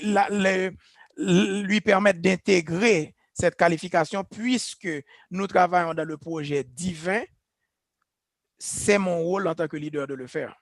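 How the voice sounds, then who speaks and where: Man, church leader, earnest testimony, high voice, dry sound. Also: no echo. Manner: earnest, reflective, personal testimony. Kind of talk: speaking on leadership. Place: church gathering.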